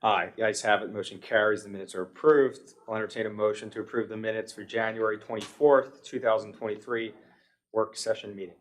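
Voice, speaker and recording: His steady, lowish voice runs a little fast as he formally reads out motions and long ordinances. The speaker is an American man chairing a township meeting, working through the legal text procedurally in the public meeting room.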